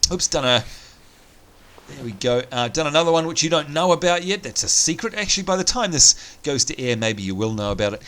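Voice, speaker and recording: A let's play host chats upbeat through his gameplay, thinking aloud as he plays, though his voice is strained and nearly gone. It sits a little high, sounds a bit bright and is expressive and fairly quick. Game sounds and music fill the background.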